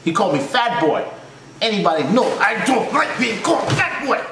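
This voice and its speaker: A man hosting a reaction video who tells a story of his own in a casual, animated way, laughing often and swearing freely. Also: high-pitched, normal speed. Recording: roomy, faint noise.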